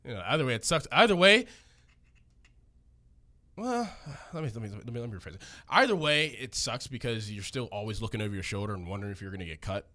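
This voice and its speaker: A man's voice: fairly low pitch, animated, quick pace, sharp tone. A man who used to play pro football, recalling cut days earnestly in a casual chat. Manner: earnest, reflective storytelling. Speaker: former pro football player.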